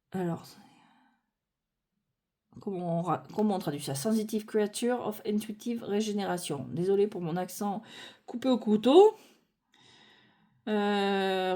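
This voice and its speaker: Slow, musing French woman reviewing cards. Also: medium pitch, warm tone. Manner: unhurried, thinking aloud with frequent fillers and self-corrections. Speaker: tarot deck reviewer. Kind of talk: casual deck walkthrough.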